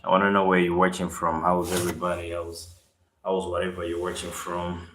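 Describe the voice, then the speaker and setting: A man with a Ugandan accent hosts a relaxed live stream, chatting to viewers and reading their comments aloud. His voice sits fairly low and sounds roomy, with echo from the space around him. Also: a little fast, slight background noise. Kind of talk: casual live-stream chat.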